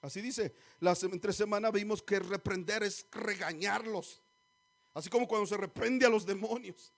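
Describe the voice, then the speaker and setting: Man, preacher, church sermon, very high-pitched voice, exhorting, rhetorical questions. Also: normal speed, creaky. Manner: exhorting, often calls listeners "hermanos", asks rhetorical questions.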